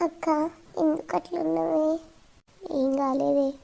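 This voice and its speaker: A caring elder sister in a cartoon, played by a woman with a Telangana accent. Her voice is high and flat with a gravelly edge. She soothes others and scolds them gently. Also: moderate pace. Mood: soothing. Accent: Telangana Telugu.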